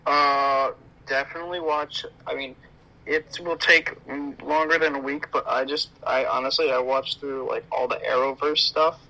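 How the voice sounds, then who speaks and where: A man in his twenties co-hosting a casual podcast chat, laid-back and quick to laugh. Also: mid-range voice, fairly even intonation, pushed and bright, low-quality recording. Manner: laid-back, laughs easily, says "dude". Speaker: podcast co-host.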